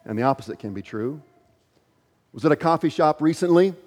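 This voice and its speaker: Guy preaching a sermon, kinda high voice, earnest, asks the room questions, long hall echo. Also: animated, moderate pace, a little mellow. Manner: earnest, questioning, reads scripture aloud. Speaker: pastor.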